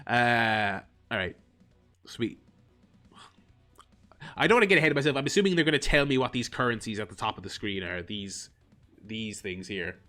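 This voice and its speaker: A man talks through a mobile game on a stream in a bright, forward voice of medium pitch. He reads the tutorial text aloud and fills the gaps with wry, self-deprecating asides and plenty of ums and uhs. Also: expressive, moderate pace, pauses often, faint music behind. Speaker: gaming streamer.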